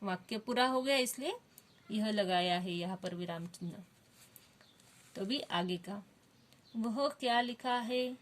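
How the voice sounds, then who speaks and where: A woman teaching a Hindi grammar lesson to children, explaining step by step and asking the class questions. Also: on the high side.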